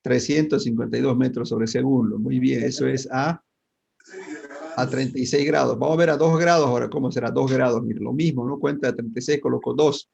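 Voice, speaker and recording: A man's voice: mid-range voice, fairly even intonation, brisk, creaky, darkish tone, lo-fi sound. A man teaching a physics class, quizzing his students with frequent tag questions. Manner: asks the class questions constantly, with many tag questions. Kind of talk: online class lecture.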